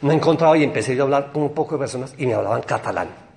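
A young Colombian man telling a personal anecdote in a rambling, excitable way. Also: mid-range voice, creaky, crowd noise. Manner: excited, rambling, quick storytelling with laughs.

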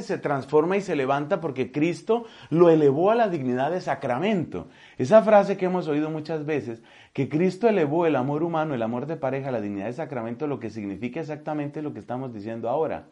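A man from Colombia preaching a sermon in an animated, folksy way, repeating key phrases and slipping in humor. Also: fairly high pitch.

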